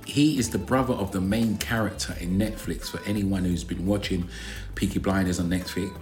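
A man with a lowish voice and a South London accent. He talks casually, stretching his words in a slangy local way. There is faint music behind his voice. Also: fairly even intonation, normal speed, darkish tone. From South London, England. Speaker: co-host of a couple's vlog. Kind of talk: casual chat.

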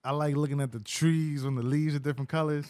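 A man co-hosting a podcast in loud, joking casual chat, swearing and laughing often. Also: a little high, steady tone, quick pace, no room sound. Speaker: podcast co-host.

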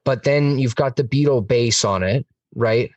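A man's voice: medium pitch, measured pace, a little mellow, dry recording, far from the mic. A man chatting on a music podcast, enthusiastic and rambling, with lots of fillers. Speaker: podcast host. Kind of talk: casual music podcast chat.

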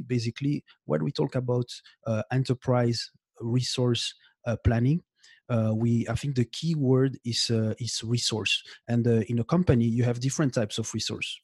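Guest expert, thirties, from Belgium, halting delivery, dry close mic. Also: male voice, mid-range voice, a little mellow, husky, no echo. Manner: hesitant, many fillers and restarts. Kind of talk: interview answers.

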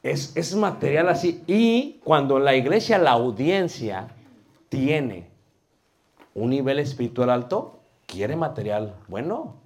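This lively lecture comes from an animated Mexican man who teaches preaching. He speaks slowly at a mid-range pitch, leans on rhetorical questions, and explains ideas through everyday cooking comparisons.

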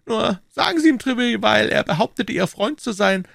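A man voicing an excitable young king in a high, fussy, scolding voice, reading a story aloud. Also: gravelly, no echo, clean studio sound, full character voice. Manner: shrill, fussy, quick to scold. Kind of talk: audiobook character voice.

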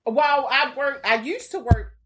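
A woman's voice: high-pitched, animated, a little slow, a bit bright. A woman with a Baltimore accent chatting candidly and telling stories as a comedian guest on a podcast, blunt, slangy and freely swearing. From Baltimore, United States. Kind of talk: casual candid chat, storytelling.

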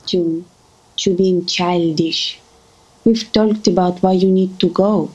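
An actress playing a warm, motherly older woman who speaks gently and affectionately. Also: fairly low pitch, fairly even intonation, slow pace, slightly rough, highs cut off. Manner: gentle, affectionate, calls others darling. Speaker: family friend. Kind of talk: drama acting.

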